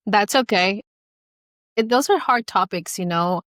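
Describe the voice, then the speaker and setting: A woman hosting a podcast, speaking gently and reassuringly to her co-host and her listeners. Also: mid-range voice, animated, measured pace, dry recording, clean studio sound. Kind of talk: supportive podcast conversation.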